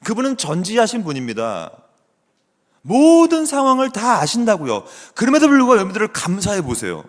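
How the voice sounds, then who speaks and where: A middle-aged man, a theology professor, preaching a sermon as a guest with animated storytelling, chatting with the congregation. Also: sits high, brisk. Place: church sanctuary. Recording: long church hall reverb.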